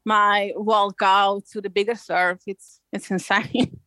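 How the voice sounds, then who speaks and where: An amateur big wave surfer with a Belgian accent guests on a podcast, telling stories informally and loaded with surf slang in a relaxed interview. She speaks slowly, her pitch staying in a fairly narrow band, and the recording is dry.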